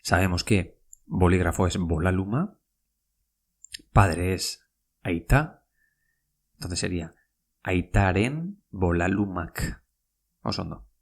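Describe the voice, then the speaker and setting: A man's voice: low voice, takes it slowly, long pauses. A man teaching a podcast language lesson, patient and repetitive, spelling out words and saying each phrase twice.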